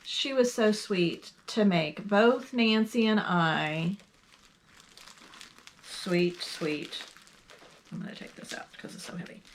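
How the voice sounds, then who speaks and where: A woman from Texas co-hosting a casual podcast, chatting slowly with frequent ums and trailing sentences. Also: medium pitch, a little hiss or hum. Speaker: podcast co-host. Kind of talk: casual knitting podcast chat.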